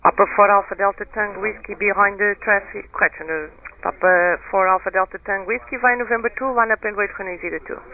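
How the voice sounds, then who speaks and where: Male air traffic controller: high voice, clipped procedural delivery, dull radio transmission. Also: fairly even intonation, quick pace, few pauses. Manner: clipped, procedural, reading digits one by one. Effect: aviation radio transmission. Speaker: airport tower controller. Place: airport control frequency, heard over radio. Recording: dull aviation radio with faint noise.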